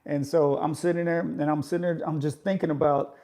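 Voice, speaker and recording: With a mellow voice a bit higher than most men's and little pitch movement, a forty-something fitness vlogger talks workouts in a casual live chat. He coaches in a loose, friendly, conversational way, frequently checking in with a quick "right?"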